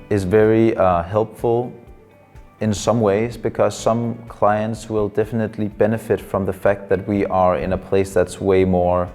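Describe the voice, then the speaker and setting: This twenty-something Dane, a counselor who is also studying psychology, responds to interview questions in careful second-language English, frequently pausing to use fillers. His voice is lowish and dark in tone.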